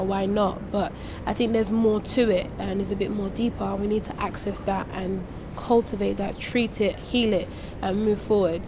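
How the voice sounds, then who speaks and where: An actress speaking in an interview, thoughtful and earnest, with light laughs. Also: female voice, medium pitch. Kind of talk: reflective interview talk. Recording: noisy background hiss.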